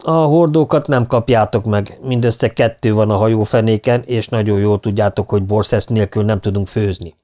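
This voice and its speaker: A man's voice: on the low side, few pauses, mellow, natural voice. A man voicing a young male lieutenant, a stubborn officer who gives firm, clipped orders in an audiobook. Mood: stern.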